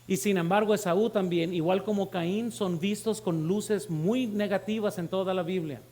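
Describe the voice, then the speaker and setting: A Mexican pastor delivers a sermon in a church, his voice sitting notably high for a man. He speaks straight to the congregation, calling them brothers and putting questions to them. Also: steady tone, moderate pace, a little mellow.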